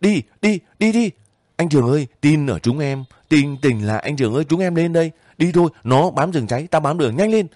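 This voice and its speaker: Frantic young soldiers voiced by a male reader, high strained shouts, dry close sound. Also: expressive, a little fast, few pauses, no room sound, close to an everyday voice. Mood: urgent shouting.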